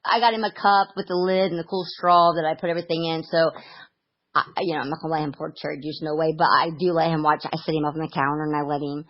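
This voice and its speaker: A woman's voice: sits low, level tone, quick pace, no room sound, muffled recording. A middle-aged woman talking casually on the phone about her sons, rambling with many restarts and stammers. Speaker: mother on a phone call.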